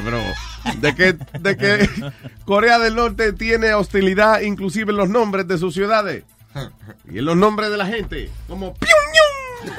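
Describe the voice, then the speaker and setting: A man hosting a radio show, joking around with co-hosts and putting on mock newscaster lines. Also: sits high. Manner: animated, mock newscaster bits, laughs a lot.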